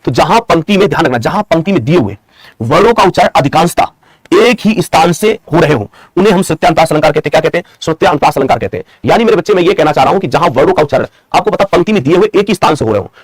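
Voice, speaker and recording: A man's voice: on the high side, breathy edge, dry recording. A man teaching an online Hindi grammar class, repeating each point as a question and its answer, calling his students his children and brothers, and dictating definitions word by word. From India. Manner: affectionate teacher's address to students.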